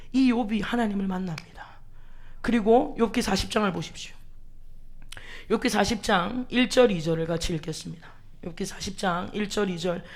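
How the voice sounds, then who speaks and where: A woman pastor preaching a sermon, emphatic, asking the congregation rhetorical questions and acting out quoted pleas with drama. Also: on the high side.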